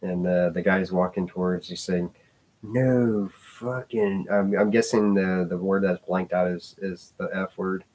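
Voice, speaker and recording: Man, casual vlogger, low voice, meandering and hesitant, swears offhandedly. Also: flat delivery, normal speed, hardly any pauses, a little mellow, slight background noise. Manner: rambling, hesitant, with many fillers and restarts. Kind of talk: casual rambling vlog talk.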